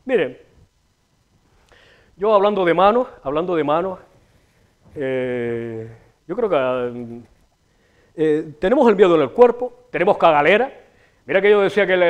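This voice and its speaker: Loud, animated Canarian man hosting on TV. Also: on the high side, lo-fi sound. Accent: Canarian Spanish. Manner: animated, swearing, rambling, gesturing. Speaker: TV show host. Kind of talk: comic monologue to camera. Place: small TV studio with a city backdrop.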